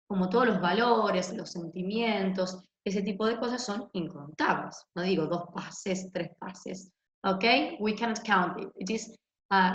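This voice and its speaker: Teacher woman in an echoey room. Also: mid-range voice. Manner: explains in Spanish, tags most lines with "ok?". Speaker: English teacher. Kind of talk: recorded online class explanation. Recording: echoey room, dull lo-fi sound, faint hiss.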